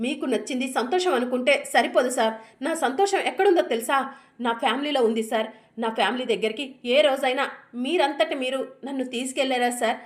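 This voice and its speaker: A wronged young wife, bitter and accusing, speaking in a high voice, as a woman narrator reads her lines. She presses her husband with question after question and ends them with "sir". The part is told as a dramatic story recap. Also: fast, close to an everyday voice. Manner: reproachful questions ending in "sir".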